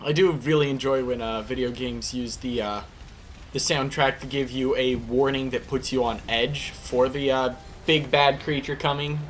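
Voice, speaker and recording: A man's voice: mid-range voice, steady tone, normal speed, a little hiss or hum. A man co-hosting a casual podcast chat, playful and stubborn in the banter. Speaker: co-host.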